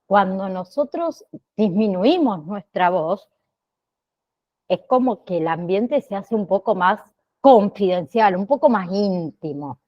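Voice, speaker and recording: Slow-talking woman teaching an online class. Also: medium pitch, animated, highs cut off. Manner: slow, checks in with frequent "¿sí?" and "¿bien?".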